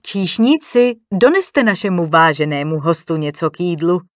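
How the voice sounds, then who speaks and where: A woman reading an audiobook, voicing a showy, confident wealthy man hosting a dinner party, announcing in a booming, theatrical way. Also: expressive, dry recording, studio quality, lightly acted. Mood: genial.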